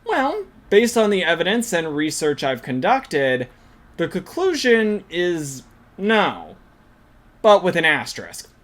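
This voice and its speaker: Video essay host, scripted commentary, lively pitch, dry sarcastic asides. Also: takes it slowly.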